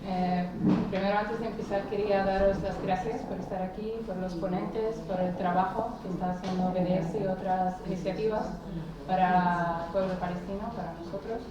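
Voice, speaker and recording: A woman whose first language is Arabic addresses an audience, speaking in a measured way with pauses. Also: medium pitch, fairly even intonation, a loud crowd. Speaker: invited poet speaking. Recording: echoey hall, distant mic.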